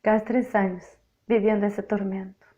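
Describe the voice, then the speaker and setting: A woman's voice: medium pitch, flat delivery, normal speed, dark tone, lo-fi sound. A woman from Portugal with a Portuguese accent, Portuguese native, giving an emphatic, repetitive spoken testimony sermon. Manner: emphatic, repeats phrases for effect.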